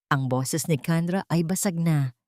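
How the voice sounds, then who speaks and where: A woman's voice: low-pitched, a little slow, a little mellow, no echo, studio quality. A woman telling a dramatic story in scripted narration, shifting her voice a little for the characters.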